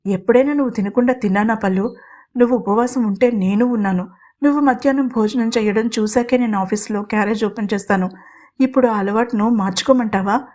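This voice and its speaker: A woman voicing a gentle, caring middle-aged husband who soothes and coaxes his wife in an audio drama. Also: fairly high pitch, fast talker, close to an everyday voice. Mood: coaxing. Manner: soothing, coaxing, gently firm.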